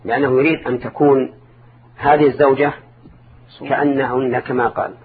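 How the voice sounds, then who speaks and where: A man's voice: medium pitch, little pitch movement, a little fast. An older man giving religious counsel in formal Arabic as a scholar, didactic, repeating and rephrasing for emphasis. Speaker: Islamic scholar answering listeners' questions. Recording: narrow phone-like band, clear background noise.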